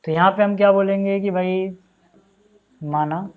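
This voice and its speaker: A man teaching a maths lesson, talking casually to students and repeating each step slowly as he writes. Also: sits high, steady tone, a little mellow, clear, resonant tone. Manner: casual, addresses students as bhai and yaar, repeats steps slowly while writing.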